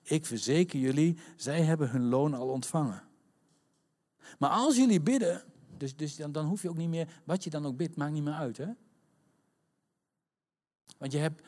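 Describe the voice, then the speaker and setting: A man preaching a conversational sermon, acting out quotes and rising to shouts at the high points.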